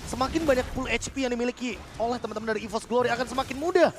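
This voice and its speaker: A man's voice: very high voice, little pitch movement, very fast, background noise. A man with an Indonesian accent explaining tactics as an analyst during live esports commentary. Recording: loud music behind the voice. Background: music.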